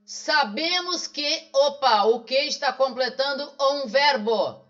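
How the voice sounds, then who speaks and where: A man with a Brazilian accent teaches an online lesson, solving an exam question by question. His voice sits unusually high for a man. He keeps asking his own questions and answering them, and the recording sounds dull and lo-fi. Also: slow, pushed and bright. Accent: Brazilian Portuguese.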